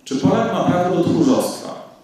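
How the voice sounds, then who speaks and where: Mężczyzna w pogłosowej sali. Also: male voice, high-pitched, sing-song, darkish tone, distant mic. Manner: measured, reflective, many hesitations. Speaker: film scholar lecturer. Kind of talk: spoken lecture on film. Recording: very echoey room, voice off-mic.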